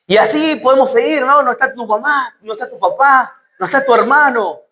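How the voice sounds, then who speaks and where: A woman preacher with an Argentine accent speaks in a high voice, giving an emphatic sermon. She repeats key phrases and sinks her voice low to press a point home. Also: a little fast, pushed and bright. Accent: Argentine Spanish.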